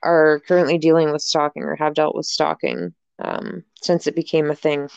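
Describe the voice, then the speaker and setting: A woman's voice: deep voice, flat delivery, normal speed, creaky, a little mellow, clear, resonant tone, no room sound, lo-fi sound. A young woman hosting a casual podcast, frank and jokey, swearing freely as she talks. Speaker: podcast host.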